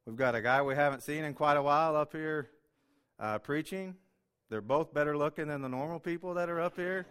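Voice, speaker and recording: A man's voice: on the high side, a little fast, a bit bright, clean tone. A man preaching in a church as guest pastor, emotional and self-deprecating, talking with many fillers. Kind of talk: sermon. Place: church sanctuary.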